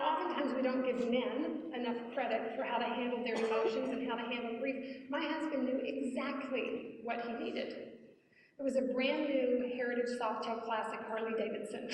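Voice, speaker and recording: A middle-aged woman with a high voice tells a personal story to a live audience. She swings from hushed quiet to loud, dramatic bursts. She is heard from a distance in a big hall with a long, booming echo. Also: a little hiss or hum. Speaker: speaker. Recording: echoey hall, picked up from far off.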